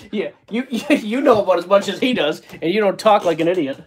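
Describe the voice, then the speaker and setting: A man with a high, husky voice and lively intonation hosts a card break at an indoor table, speaking at a normal speed. He jokes around casually as he announces the player names from each pack.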